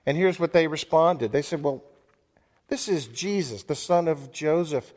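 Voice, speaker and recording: A man delivering a sermon as pastor, earnest and measured, slowing down to stress key words and reading scripture aloud. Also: fairly high pitch, a little mellow. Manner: earnest, measured preaching with slowed emphasis and quoted scripture. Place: church. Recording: long church reverb.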